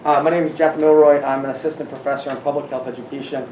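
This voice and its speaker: Chatty middle-aged professor from Canada, off-mic in an echoey room. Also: male voice, medium pitch, little pitch movement, fast talker, dark tone. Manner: upbeat, chatty. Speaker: assistant professor. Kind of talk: self-introduction at a workshop. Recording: roomy echo, distant mic, faint noise.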